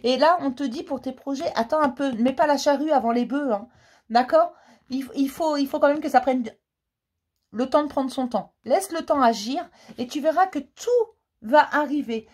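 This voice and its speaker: A woman's voice: high-pitched, moderate pace. A woman giving a casual tarot reading for the star signs. She chats fondly, laughs often and calls her viewers her darlings. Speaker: tarot reader. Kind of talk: casual horoscope card reading.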